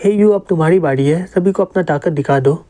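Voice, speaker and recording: An exasperated young male hero, quick to answer back, read by a man. The voice is slightly high with a mellow tone. The reading stays close to the narrator's own. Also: lightly acted.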